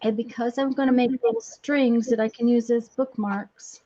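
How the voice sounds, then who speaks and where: A woman casually hosting a live craft demonstration in a halting, folksy, apologetic way, her voice repeating with a strong echo. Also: a little high, steady tone, warm tone. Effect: strong distracting echo on the voice. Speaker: craft tutorial host. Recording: dull lo-fi sound with bad echo.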